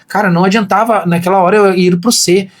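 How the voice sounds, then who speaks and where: A man's voice: high-pitched, fast. A man, a pastor, telling an emotional personal testimony in casual podcast talk, acting out dialogue as he goes. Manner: animated storyteller, acts out quoted dialogue.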